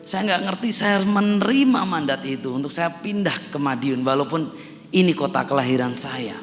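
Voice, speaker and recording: A man's voice: on the high side, lively intonation, moderate pace, soft background music. A middle-aged man from Java, preaching a sermon to a congregation, addressing them again and again and building to emphatic peaks. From Java, Indonesia. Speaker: pastor. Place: church hall. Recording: long church reverb, faint instrument behind.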